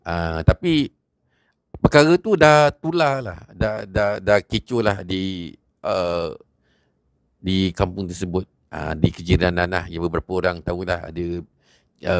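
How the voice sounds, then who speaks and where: A man's voice: deep voice, dry recording. A man telling a story casually, rambling with many fillers.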